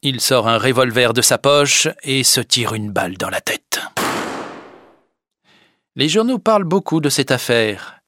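A man narrating a story with a slow, clear, deliberate reading. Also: medium pitch, animated, noisy background. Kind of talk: scripted audiobook narration.

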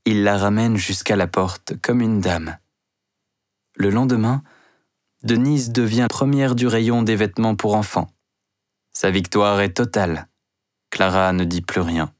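Slow, low-voiced male storyteller. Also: steady tone, dry recording, clean studio sound. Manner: slow, deliberate reading. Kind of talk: scripted narration of a simplified novel.

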